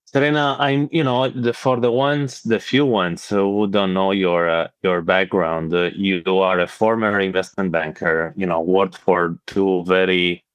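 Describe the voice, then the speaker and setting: An Italian-accented man with a low, smooth, resonant voice hosts a relaxed interview. He speaks haltingly and fills his pauses with "uh". The recording is dry and close. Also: no echo. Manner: halting, many "uh" fillers. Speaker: podcast host. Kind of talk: casual interview.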